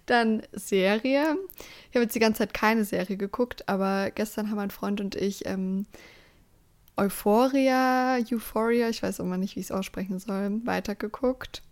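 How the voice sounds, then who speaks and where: A woman's voice: mid-range voice, unhurried. A young woman co-hosting a podcast in casual chat, talking freely with frequent small laughs and filler words. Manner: chatty, laughs often, trails off with fillers. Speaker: podcast co-host.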